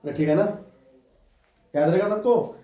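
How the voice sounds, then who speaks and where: A man's voice: fairly high pitch, normal speed, mellow. A man teaching a chemistry class, dictating notes and repeatedly asking students whether they have understood and copied it down. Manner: repetitive, keeps asking students to write and confirm. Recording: echoey room, from far off, dull sound.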